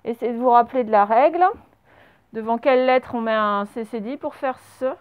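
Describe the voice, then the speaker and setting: A woman teaching young children a spelling and dictation lesson, speaking slowly and patiently and spelling words out letter by letter. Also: fairly high pitch, clean tone. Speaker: primary school teacher. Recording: slightly dull, lo-fi home recording.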